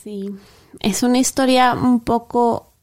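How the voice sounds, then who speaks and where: A woman's voice: on the high side, steady tone, slow pace. A woman co-hosting a podcast, reacting in short interjections and then starting her own story. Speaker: podcast co-host. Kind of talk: casual chat.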